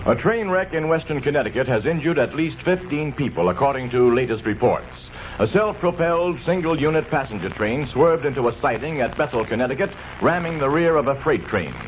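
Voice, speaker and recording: A man's voice: medium pitch, lively intonation, fairly quick. An American man reading a scripted 1960s radio news bulletin. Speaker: radio newsreader. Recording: dull vintage radio, faint noise.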